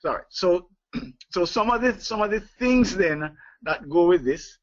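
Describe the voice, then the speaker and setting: A man's voice: sits high, expressive, measured pace. A man leading a live online leadership training, talking with many fillers, restarts and chuckles. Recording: dull lo-fi webinar audio.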